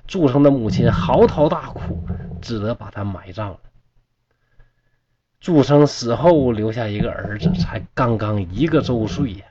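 Give me a colloquial male storyteller with a lively, swinging delivery and a slightly dull recording. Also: mid-range voice, unhurried, crowd noise. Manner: colloquial, chatty asides, lively swings in loudness. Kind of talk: storytelling a classical ghost tale.

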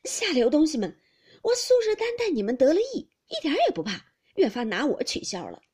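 A woman's voice: extremely high pitch, very animated, normal speed, mellow, voice pushed up. A woman reading aloud, voicing a spoiled, hot-tempered young nobleman who scolds petulantly. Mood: angry. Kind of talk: storybook reading.

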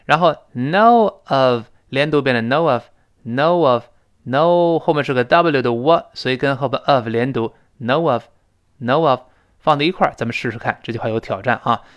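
A man's voice: medium pitch, a little fast, muffled recording. Man drilling English phrases. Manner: explains pronunciation in Mandarin with lively stress. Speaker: English teacher. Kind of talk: spoken English lesson.

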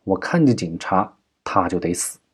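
A man's voice: low voice, animated, normal speed, darkish tone, husky. A man voicing a snarling kidnapper thug. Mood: threatening. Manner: snarling, crude threats. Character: vicious male kidnapper thug, threatening.

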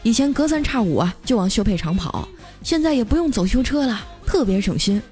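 A blunt, short-tempered man nearly forty, played by a woman narrator. He talks gruffly, in a storybook radio tale with faint music underneath. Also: a little high, animated, fairly quick, mellow, lightly acted. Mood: earnest.

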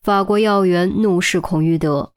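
A woman narrating a crime novel as an audiobook, in steady, clear storytelling. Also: lowish voice, moderate pace.

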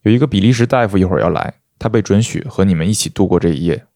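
A man's voice: low-pitched, rapid-fire, creaky, dark tone, no echo, clean studio sound. Man reading as a curt officer. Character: curt adult male military officer.

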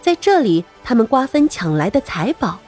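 A woman narrating a scripted story for children as host, expressive and playful, speaking directly to young listeners. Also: fairly high pitch, moderate pace, soft background music.

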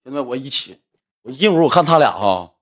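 A man's voice: mid-range voice, very animated, fast talker, fairly bright tone. A man in a casual chat, cutting in with short teasing remarks while a friend tells a story.

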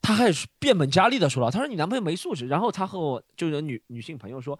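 Man, podcast host, casual storytelling, animated, high lively voice. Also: very fast, slightly rough, no echo, studio quality. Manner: animated, acts out quoted lines, laughs often.

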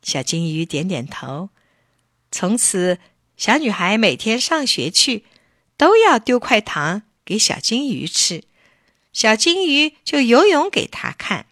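A woman reading a children's story aloud in a gentle, expressive way, close to the mic. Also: medium pitch, slow, no room sound.

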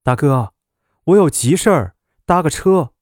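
A man's voice: fairly high pitch, lively intonation, measured pace, darkish tone, dry recording, clean studio sound, voice pushed up. A man voicing a breezy, confident young woman. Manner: cheerful, self-assured requests. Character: young woman driving instructor, calm and confident.

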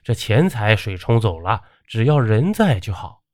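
A man's voice: on the low side, sing-song, moderate pace, no echo, clean studio sound. A man playing a stern, upright old village doctor who talks firmly and bluntly. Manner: firm, blunt.

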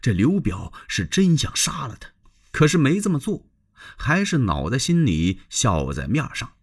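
A man's voice: mid-range voice, very animated, measured pace, slightly rough. A man performing a traditional spoken story in a dramatic, conversational way with asides to the listener.

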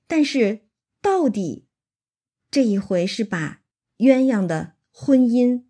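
Woman storyteller, husky and mellow, casual retelling with lively commentary. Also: fairly high pitch, slow. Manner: lively, chatty asides to the listener. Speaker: storyteller and commentator on a classic novel.

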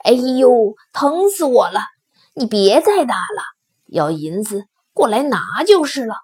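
A woman voicing a kindly old male stone lion who laughs heartily and speaks slowly. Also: fairly low pitch, animated, husky, voice pushed down, heavily acted. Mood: grumbling.

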